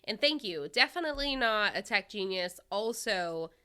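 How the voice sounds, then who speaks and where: A woman's voice: medium pitch, lively intonation, moderate pace, pushed and bright, clear, resonant tone. A woman co-hosting a podcast in casual, joking, self-deprecating banter, talking with her lip tucked in from a cold sore. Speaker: podcast co-host.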